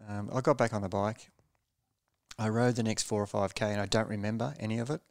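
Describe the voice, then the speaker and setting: A former racing cyclist, appearing as a podcast guest, tells reflective stories in a low, even-toned voice. He speaks in a measured, low-key way and often restarts his phrases. The recording has no room sound.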